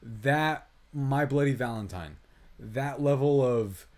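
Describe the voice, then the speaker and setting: In a relaxed movie review conversation, this male podcast co-host rambles through his opinions on a film. He speaks slowly, with a mid-range voice and a darkish tone.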